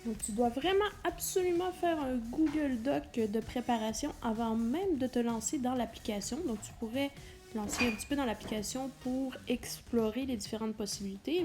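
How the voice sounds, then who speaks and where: A woman's voice: a little high, darkish tone. A woman giving an explanatory lesson as a teacher, speaking directly to the listener and stressing key words. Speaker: teacher presenting an instructional video. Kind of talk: explanatory lesson addressed to students.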